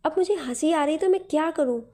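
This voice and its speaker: A woman's voice: sits high, brisk, dark tone, pitched above the performer's own voice, natural voice. Woman voicing a teasing young woman. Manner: teasing, playful. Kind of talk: storybook narration.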